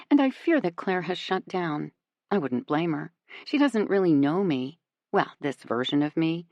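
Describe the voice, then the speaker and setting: A woman narrating a first-person audiobook in a measured, intimate way. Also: fairly low pitch, a little mellow, no echo. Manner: measured and intimate, voicing each character.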